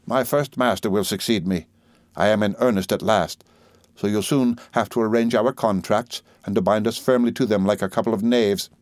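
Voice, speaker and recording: A man voicing a kindly, cheerful elderly schoolmaster with a gentle, genial manner. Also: fairly low pitch, normal speed, no room sound, lightly acted.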